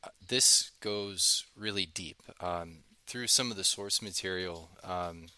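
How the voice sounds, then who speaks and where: A man's voice: low voice, slow, sharp tone, clear, resonant tone, dry recording. A man hosting a podcast, talking casually and loosely with many filler words. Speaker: podcast host. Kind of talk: casual chat.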